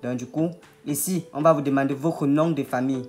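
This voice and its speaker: A man explaining a computer tutorial step by step over a screen recording. He talks patiently and repeats steps to make them clear. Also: mid-range voice, steady tone, brisk, a little mellow, soft background music. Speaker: online tutorial host.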